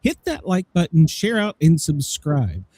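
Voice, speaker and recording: Husky, mellow man hosting a lively show. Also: a little high, a little slow, no echo. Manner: rambling, irreverent. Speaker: radio show host. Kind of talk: casual comedic live-show chat.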